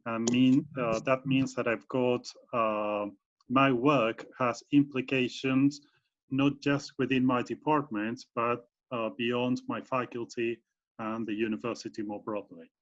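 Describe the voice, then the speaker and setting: A man's voice: medium pitch, flat delivery, measured pace. A man from Argentina with an Argentine Spanish accent, explaining his academic work in a video call interview, full of fillers and restarts. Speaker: guest speaker, university professor. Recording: muffled video call audio.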